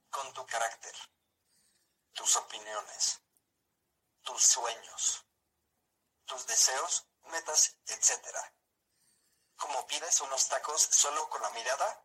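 Sharp, bright synthesized male voice. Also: mid-range voice, low-quality recording. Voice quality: synthesized text-to-speech voice, like an old speech synthesizer. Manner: robotic, evenly measured delivery. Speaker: opinion columnist. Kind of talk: scripted opinion segment.

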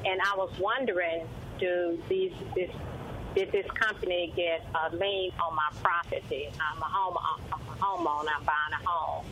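A woman's voice: on the low side, steady tone, moderate pace, background noise. A woman calling in over a phone line to a radio show. She speaks hesitantly and halts with many fillers. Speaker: caller. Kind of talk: call-in radio chat.

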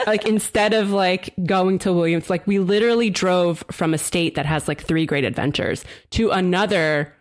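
A woman's voice: fairly low pitch, steady tone, moderate pace, hardly any pauses. A woman from South New Jersey, chatting casually in an interview with lots of fillers and laughter. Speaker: design blog founder, podcast co-host.

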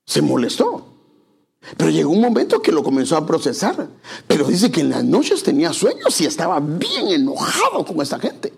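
A man's voice: fairly high pitch, wildly swooping pitch, moderate pace, creaky, darkish tone, breathy edge. A male pastor preaching a conversational sermon in church, speaking directly to the congregation.

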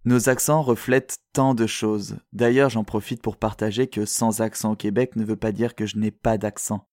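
A man from France with a French accent, hosting a podcast in a calm, reflective, measured way, as scripted narration. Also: fairly low pitch, no room sound, studio quality. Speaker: podcast host.

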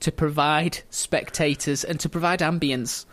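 Guy telling history on a podcast, kinda high voice, jokey. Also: fairly even intonation, a little slow, a bit bright. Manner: chatty, jokey, laughs often. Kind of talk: casual history storytelling.

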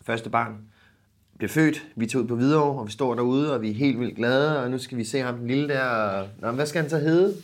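Young man swapping casual anecdotes. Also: medium pitch. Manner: informal, swearing. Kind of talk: casual chat, telling anecdotes.

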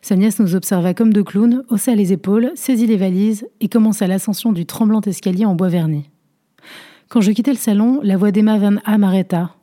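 A woman reading an excerpt from a novel aloud in a slow, measured way. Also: mid-range voice, dark tone. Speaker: reader.

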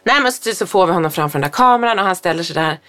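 Woman from sweden telling a story, casual, jumps into voices for quotes. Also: fairly low pitch. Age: adult parent. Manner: animated storytelling, acts out quotes in raised voice. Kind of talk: casual chat.

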